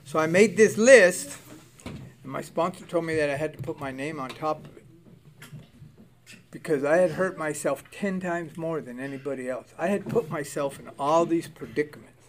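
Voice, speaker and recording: Older man, recovery testimony, blunt and profane, laughs often, slightly high voice. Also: normal speed, slight background noise. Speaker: recovery speaker. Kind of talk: candid personal testimony.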